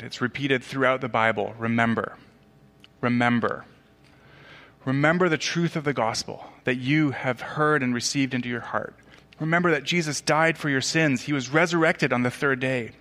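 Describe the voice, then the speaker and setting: Bright-voiced man preaching a sermon. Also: medium pitch. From Tanzania. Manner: conversational preaching with asides and self-corrections. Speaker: pastor.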